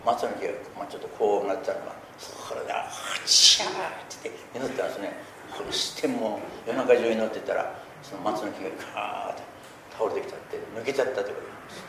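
A middle-aged man preaches in an earnest, storytelling way, letting his voice swell loud when he presses a point. His voice rings in a roomy, echoing space. A faint hiss of noise sits behind him. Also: lowish voice, fast talker. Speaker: pastor. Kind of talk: sermon. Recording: echoey room with faint noise.

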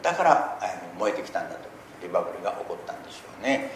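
A middle-aged man preaches in an earnest, storytelling way, letting his voice swell loud when he presses a point. His voice rings in a roomy, echoing space. A faint hiss of noise sits behind him. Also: deep voice, sing-song, racing, creaky. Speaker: pastor. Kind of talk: sermon. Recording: echoey room with faint noise.

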